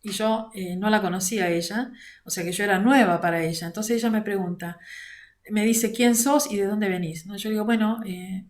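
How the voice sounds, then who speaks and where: A woman from Argentina with an Argentine accent, teaching an online Bible lesson in a measured way, using fillers like "este", recorded on a computer mic. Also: mid-range voice, steady tone. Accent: Argentine Spanish. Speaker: prayer ministry coordinator teaching a class. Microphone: computer mic on a video call.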